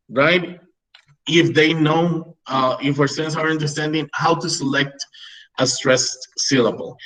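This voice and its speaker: A man's voice: on the high side, fairly bright tone, low-quality recording. A man in his thirties presenting a webinar for English teachers, explaining classroom tools with frequent "right?" check-ins. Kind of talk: online teacher-training webinar.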